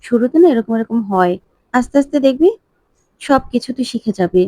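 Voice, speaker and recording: A woman voicing an affectionate middle-aged mother-in-law who coaxes gently. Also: on the high side, lively intonation, fairly quick, no echo, close to an everyday voice. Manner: affectionate, coaxing.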